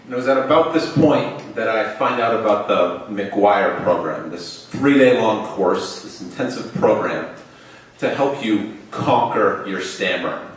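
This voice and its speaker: This young man's voice is lowish and animated, and he takes his time as he shares a personal story from the stage of a big hall. His stutter is out in the open, with first sounds repeated and drawn out. A distant mic picks up the hall's echo along with a slight hiss or hum.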